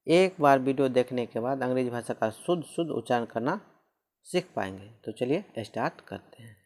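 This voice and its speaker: A man's voice: medium pitch, a little fast, a little mellow. A man teaching a lesson on pronunciation rules, repeating each rule and spelling out words letter by letter.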